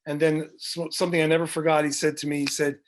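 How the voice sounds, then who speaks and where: A man's voice: a little high, flat delivery, fast talker. A middle-aged man telling long rambling anecdotes with many fillers and restarts, as a guest on a video podcast. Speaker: guest, music director. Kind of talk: storytelling in a video podcast interview. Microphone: video call.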